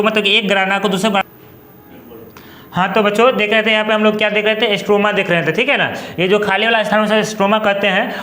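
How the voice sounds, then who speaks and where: A man's voice: sits high, pushed and bright, roomy sound. A man teaching biology, repeating each term and asking his pupils to say it back. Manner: repeats terms with call-and-response questions. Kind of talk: classroom lesson.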